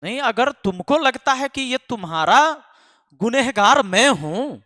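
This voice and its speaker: A man's voice: very high voice, animated, a little slow, pushed and bright, no room sound, clean studio sound, big-room sound. A man who teaches math online, speaking to his students in an emphatic, scolding way and repeating lines for force. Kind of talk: impassioned address to students.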